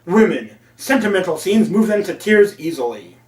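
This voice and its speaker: A man's voice: high-pitched, very animated, normal speed. A man voicing an earnest, eager young male superhero in a comic reading, recorded in a roomy space away from the mic. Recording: roomy, from a distance.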